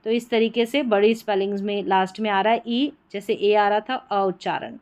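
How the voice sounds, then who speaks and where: A woman teaching English pronunciation rules, slowly drilling word after word. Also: mid-range voice, darkish tone. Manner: slow, patient word-by-word drilling. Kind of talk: explanatory lesson.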